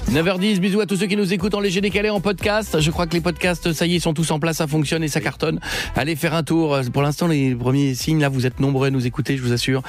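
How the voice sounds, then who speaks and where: A man hosting a morning radio show, talking in a fast, playful, jokey way and laughing often. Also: a little high, steady tone, faint music behind. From France. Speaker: radio host.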